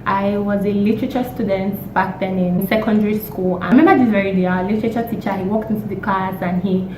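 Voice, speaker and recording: Young lady vlogging, kinda hoarse w a cold, exasperated chatty rant, roomy echo n mic a bit far. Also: medium pitch, fairly even intonation, fast, darkish tone. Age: young adult. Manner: exasperated, emphatic, scolding rhetorical questions. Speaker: YouTube vlogger. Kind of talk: casual opinionated chat. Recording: roomy echo, distant mic, faint noise.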